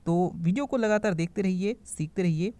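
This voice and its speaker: A man with a high-pitched, mellow voice teaches an online exam-prep grammar lesson in quiz style at a moderate pace, with no room sound. He reads each answer option in turn, explains it, calls his viewers friends, and stresses what they should remember.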